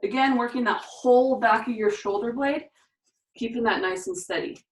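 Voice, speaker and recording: A woman with a slightly high voice, speaking at normal speed, demonstrates shoulder and core exercises as a fitness instructor, counting reps and explaining each move while a little out of breath. The camera mic sits at a distance, leaving her sounding far off in an echoey room.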